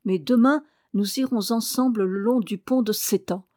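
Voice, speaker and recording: A woman voicing a sorrowful, gentle male shark-man from the sea, who speaks in a grave, dignified way. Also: a little high, moderate pace, no echo, studio quality, close to an everyday voice. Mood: wistful.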